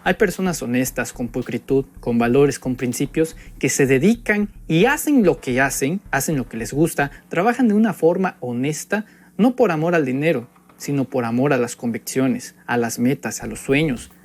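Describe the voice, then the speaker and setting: A young male political commentator with a Mexican accent delivers a sarcastic, pointed opinion monologue aimed at an opponent, packed with rhetorical jabs. His mid-range voice has lively intonation, a moderate pace and a somewhat dark tone. Music plays in the background beneath him.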